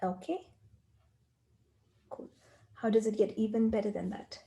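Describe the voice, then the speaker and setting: A woman leading a group coaching call, explaining earnestly and slipping into quiet, rapid repeated phrases. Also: mid-range voice, fairly even intonation, vocal fry.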